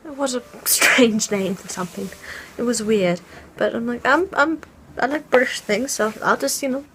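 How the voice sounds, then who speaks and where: A young woman playing a frightened young woman haunted by dreams of falling, in a hushed, halting voice that often drops to a whisper, recorded at home on a camera mic. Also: on the high side, faint music behind, natural voice, low-quality recording. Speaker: vlogger. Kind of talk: in-character fan fiction vlog.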